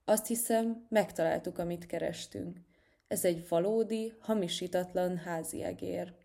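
A woman's voice: fairly low pitch, gravelly. A woman voicing an eager, curious little girl cat in a children's storybook. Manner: excited, eager.

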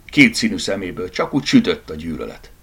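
A man's voice: deep voice, sing-song, fairly bright tone, husky. A man narrating a children's animal story as an audiobook reader, telling it expressively. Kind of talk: scripted narration.

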